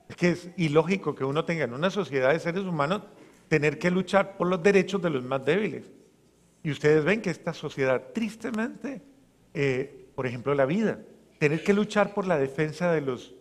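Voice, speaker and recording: A man preaching a homily as a parish priest, acting out voices and swinging from soft to loud. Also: on the high side. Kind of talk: sermon. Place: large church. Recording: long church reverb.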